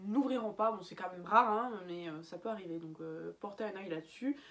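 A young woman giving casual, chatty advice in a vlog, full of fillers and restarts and laughing at her own slips. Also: on the high side. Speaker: bird-keeping vlogger.

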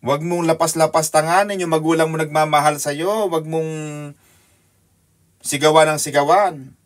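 A man with a Filipino accent preaching a sermon in an animated, teasing way that leaps up in pitch for emphasis. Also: normal speed. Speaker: pastor. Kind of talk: sermon teaching.

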